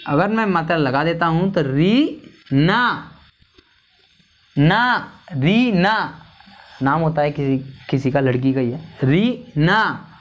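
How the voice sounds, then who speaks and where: A man teaching a lesson on vowel signs, slowly repeating and sounding out each syllable. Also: fairly high pitch, lively intonation, muffled recording. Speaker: Hindi teacher.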